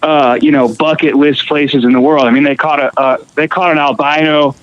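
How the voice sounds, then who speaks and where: Casting: man from Costa Rica, slightly high voice, easygoing rambling storyteller on a podcast call. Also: moderate pace, clear, resonant tone, no room sound, lo-fi sound. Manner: relaxed storytelling with fillers and restarts. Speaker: guest musician. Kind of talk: casual phone chat.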